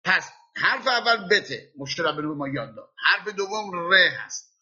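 Husky man teaching a lesson. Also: high-pitched, lively intonation, sharp tone, muffled recording. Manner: explains slowly, spelling out letters and sounds by example. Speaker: religious teacher. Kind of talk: classroom lesson.

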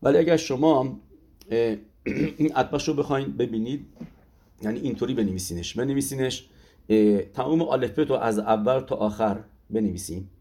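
A man giving a spoken religious lesson, pausing often with filler sounds as he explains. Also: mid-range voice, warm tone. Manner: hesitant, many filler sounds. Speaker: religious teacher. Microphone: audio-only recording.

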